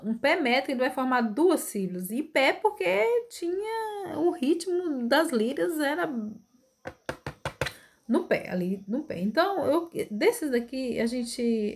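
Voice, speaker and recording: A woman gives an informal online literature lecture, recorded on a phone. Her voice sits a little high. She explains step by step, restarts her sentences and keeps checking in with her listeners. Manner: explains step by step, often adds tag questions and restarts. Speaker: literature teacher. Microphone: phone screen recording.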